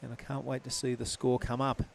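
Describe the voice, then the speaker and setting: A man's voice: medium pitch, completely flat delivery, brisk, gravelly. A man giving live surf contest commentary in a laid-back, casual surfer announcer manner.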